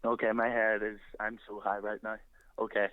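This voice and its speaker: A man playing a deadpan, rambling caller. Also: on the low side, normal speed, no room sound, phone-quality sound, close to an everyday voice. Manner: rambling, flat and matter-of-fact. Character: deadpan unhinged male caller Robert. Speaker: prank caller.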